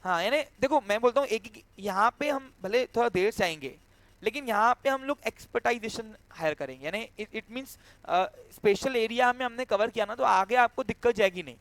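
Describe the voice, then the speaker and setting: A man's voice: very high-pitched, expressive, normal speed, fairly bright tone, no echo. A man teaching an accountancy class, explaining entries step by step and checking often that the students follow. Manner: acts out a cash handover with a student. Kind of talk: classroom lecture.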